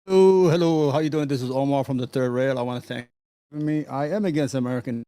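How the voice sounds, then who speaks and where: A man's voice: medium pitch, quick pace, dark tone, dry recording, clean studio sound. A man giving his opening statement as a guest in an online debate. His volume jumps up and down because his mic keeps cutting out, and he halts and repeats words when he gets stuck. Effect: uneven volume from a mic that keeps cutting out. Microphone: home computer mic with noise gate.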